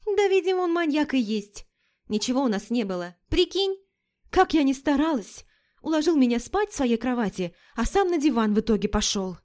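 A woman's voice: high-pitched, very animated, darkish tone, voice pushed up. A woman voicing a brash, flighty young woman friend who talks in slang and takes offense easily. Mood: chatty, cheeky. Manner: chatty and slangy, quick to take offense.

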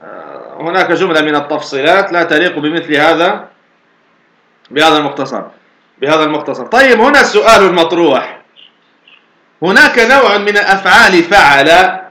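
A man teaching Arabic grammar, asking his students questions, answering them himself, and slowly drawing out example words. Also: high voice, bright, forceful tone, roomy sound. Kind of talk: lecture explaining a grammar poem.

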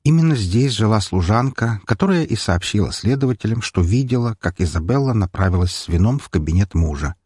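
A man reads a first-person audiobook in a measured, wry way. His voice sits low and husky, and the sound is dry and close to the mic. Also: expressive, warm tone, dry recording. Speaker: audiobook narrator.

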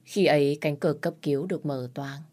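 A woman telling a first-person audio story in a soft, subdued narrating voice. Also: low-pitched, fairly even intonation, a little fast.

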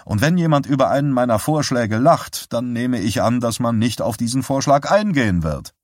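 A man voicing an older male doctor who talks in an earnest, halting, apologetic way. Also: medium pitch, lively intonation, no room sound, clean studio sound, voice pushed up, close to an everyday voice. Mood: earnest, troubled.

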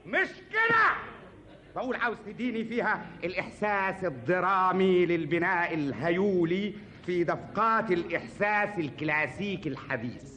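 A man's voice: sits high, expressive, normal speed, sharp tone. A man playing a fussy, theatrical show host with an Egyptian accent in a 1950s radio comedy, insisting on every detail. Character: fussy male show host coaching his assistant. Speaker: comic show presenter. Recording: hissy 1950s radio archive.

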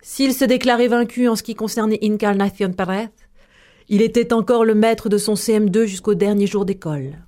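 A woman storyteller narrating a tale with measured expression. Her tone is mellow and her pitch sits in the middle.

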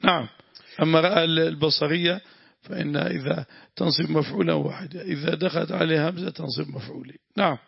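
A man's voice: a little high, steady tone, fast, creaky, breathy edge, no room sound, highs cut off. A man, teaching a religious lesson, explaining grammar and breaking into prayers. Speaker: sheikh teaching tafsir.

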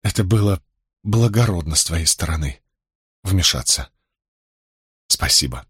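A man's voice: low voice, expressive, a little slow, a bit bright, slightly rough, dry recording, studio quality, full character voice. A man voicing a proud, anxious young priestess who speaks sharply and nervously. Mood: tense.

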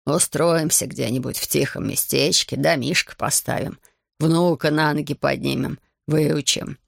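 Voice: medium pitch, steady tone, vocal fry, dry recording, clean studio sound. A reader doing a tearful old village elder. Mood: pleading, lamenting. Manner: slow, pleading, whining.

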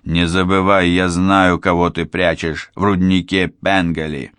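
A man reading an audiobook voices a rude, hot-tempered young estate owner who barks his lines hoarsely. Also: low voice, flat delivery, a little slow, a bit bright, no room sound, clean studio sound. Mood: threatening. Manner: barking, hoarse outbursts. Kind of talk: audiobook character voice.

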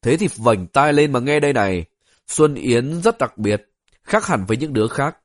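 A man voicing a proud older male puppet master in an audiobook, speaking in a lazy, haughty, deliberate way. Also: medium pitch, lively intonation, natural voice.

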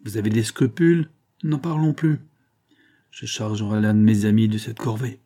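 A man voicing a bitter, sardonic ruined glassmaker in an audiobook reading, speaking with acid mockery and heated bursts, a little above his usual pitch. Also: fairly even intonation, normal speed, dark tone. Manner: acerbe, mocking, with heated bursts.

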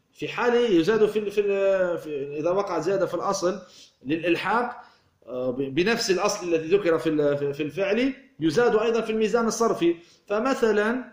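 A man teaching a grammar lesson, who asks questions and answers them himself and repeats key words as he explains. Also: fairly high pitch. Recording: roomy echo.

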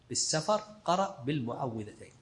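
A male sheikh delivers a scholarly commentary on a classical text. He talks at a brisk, rapid clip and explains in short phrases that he often repeats. His pitch sits in an ordinary middle range. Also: very animated, a little hiss or hum. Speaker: sheikh teaching a fiqh text.

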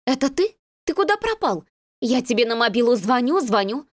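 A woman voicing a jealous young woman chattering fast and shrilly on the phone. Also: very animated. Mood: irritated. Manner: rapid, shrill, accusing.

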